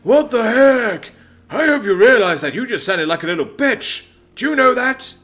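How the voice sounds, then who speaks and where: A man voicing a foul-mouthed, violent old Santa Claus in a spoken story, mocking and shouting threats. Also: very high-pitched, animated, moderate pace, pitched above the performer's own voice. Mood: mocking, angry.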